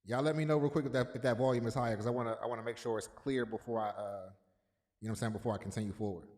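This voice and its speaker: A man's voice: medium pitch, fairly even intonation, racing, a little mellow. A man hosting a casual livestream, speaking in a mid-range voice. He talks loosely and repeats himself, calling out viewers by name. A long, echoey reverb trails each phrase. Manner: loose and repetitive, greeting chat viewers by name. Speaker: livestream host.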